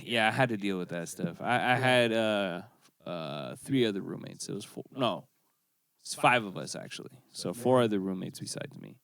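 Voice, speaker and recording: Relaxed man, dry close sound. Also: fairly low pitch, normal speed, vocal fry, smooth, no room sound. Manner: relaxed, rambling, repeats words as he talks. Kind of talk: casual podcast chat.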